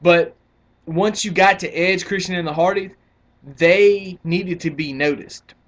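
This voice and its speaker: A man's voice: sits high, steady tone, measured pace, fairly bright tone. A man in his twenties ranting casually to camera as a wrestling vlogger, argumentative and rambling with frequent restarts. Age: 20s.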